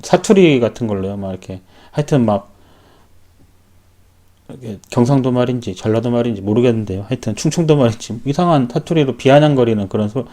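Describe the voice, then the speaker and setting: Rambling man with a dark voice. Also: mid-range voice, lively intonation, brisk. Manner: rambling, frequent self-corrections. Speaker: welder. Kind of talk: personal storytelling.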